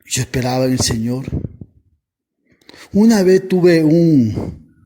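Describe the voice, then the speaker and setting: A man's voice: fairly high pitch, expressive, slow pace, warm tone, slight background noise. A man preaching a personal testimony sermon, fervent and emotional, who keeps addressing his listeners as brother.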